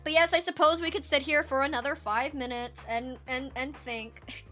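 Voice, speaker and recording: A woman's voice: sits high, steady tone, moderate pace, faint music behind. A young woman streaming, chatting casually with viewers in a sleepy, rambling way with many restarts. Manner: laid-back, rambling with many restarts and soft laughs. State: sleepy, yawning. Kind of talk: casual live-stream chat reading viewer comments.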